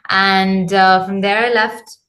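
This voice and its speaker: A woman's voice: mid-range voice, flat delivery, slow pace, a bit bright. Hesitant woman coach from Zambia. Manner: hesitant, many ums and uhs. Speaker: guest, men's clarity coach. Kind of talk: casual interview answers.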